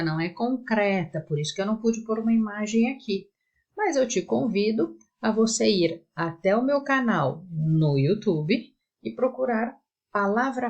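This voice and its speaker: Lady teaching italian pronunciation, slow and careful, husky voice, bouncy pitch. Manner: slow, careful, lively explaining. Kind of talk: language lesson to camera.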